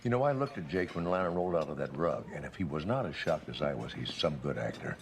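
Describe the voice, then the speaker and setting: A wry older man investigating in a TV crime drama. His voice is low and gravelly, very fast and easygoing, over faint noise. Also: animated, exaggerated voice. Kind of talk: television crime drama acting.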